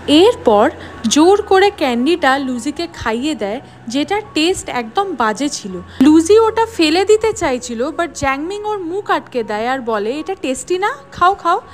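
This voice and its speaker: A woman narrates the plot of a drama scene by scene in lively storytelling fashion, reading out each character's lines along the way. Her high voice moves a little slowly over soft background music.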